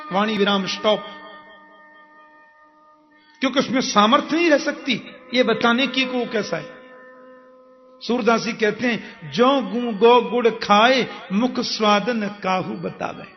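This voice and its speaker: A man with a very high voice preaches a devotional katha at an unhurried pace, drawing out his stories and breaking into sung Sanskrit verses. His voice rings through a large hall with a long reverb, faint music plays behind him, and the sound is a little dull. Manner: slow storytelling, chants Sanskrit verses in a sung tone. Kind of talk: Bhagwat katha sermon with storytelling.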